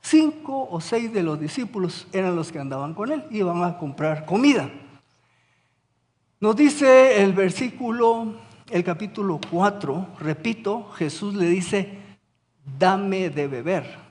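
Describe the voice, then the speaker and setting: A man's voice: sits high, lively intonation, a little slow, a little mellow. A man preaching a sermon in a conversational way, often asking his listeners questions. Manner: conversational, asks the congregation questions, tells anecdotes. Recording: reverberant church hall.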